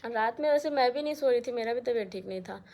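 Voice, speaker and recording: A woman's voice: fairly high pitch, fast talker, dark tone. A young woman in a casual vlog, talking straight to her viewers in a chatty, aggrieved way. She is filming on a phone in a small room at home with the fan turned off. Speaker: vlogger. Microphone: phone camera held close.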